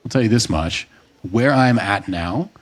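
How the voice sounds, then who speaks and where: A man's voice: on the low side, animated, measured pace. A man in his late twenties or thirties, a fitness coach co-hosting a podcast, talking through ideas in long rambling stretches with restarts and the odd curse word. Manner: long rambling explanations, frequent restarts, occasional swearing. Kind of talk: casual podcast discussion.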